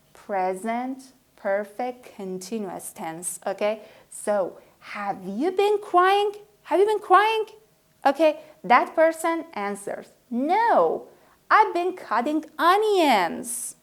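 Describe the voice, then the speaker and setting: Female teacher, slightly high voice, slow deliberate delivery, explains grammar with repeated examples. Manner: slow, repeats example sentences, checks in with "okay?". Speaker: English teacher. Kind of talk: grammar lesson.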